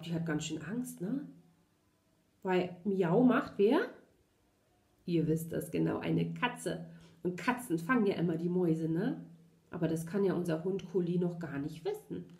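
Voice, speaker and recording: A woman with a German accent, a kindergarten teacher reading a storybook aloud to children and asking them gentle questions. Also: on the low side. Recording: roomy echo.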